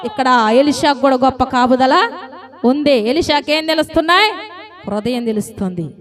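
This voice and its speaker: A woman preaching a sermon to a congregation, lively and constantly asking them questions and calling for answers. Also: sits high, moderate pace. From South India.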